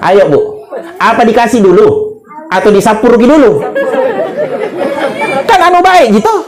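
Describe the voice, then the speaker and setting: A middle-aged man preaching a humorous condolence sermon in a notably high voice, with a clear Makassar accent. He tells his stories like a joker and acts out each side of the dialogue himself. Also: big pitch swings, moderate pace, crowd noise. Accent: Makassar Indonesian. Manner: joking storyteller acting out dialogue.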